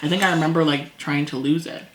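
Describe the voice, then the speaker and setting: A woman chatting casually over a meal, talkative and quick to laugh, acting out things people said. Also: deep voice, fairly even intonation. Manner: chatty, laughs often, acts out past quotes. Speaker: co-host. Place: indoors at a table. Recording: echoey room, faint noise.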